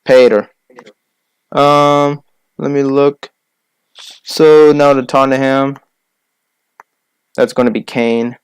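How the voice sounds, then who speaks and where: A young man co-hosting a casual sports podcast, listing names quickly and arguing his picks. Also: mid-range voice, flat delivery, smooth, dry recording. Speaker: podcast co-host.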